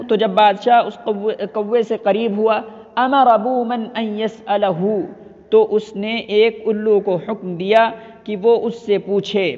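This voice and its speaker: A man's voice: high-pitched, a little mellow. A man teaching a lesson, reading Arabic phrases and explaining each one several times in other words. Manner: reads an Arabic phrase, then explains it repeatedly with synonyms. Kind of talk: line-by-line Arabic text translation lesson. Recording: dull lo-fi audio with long reverb.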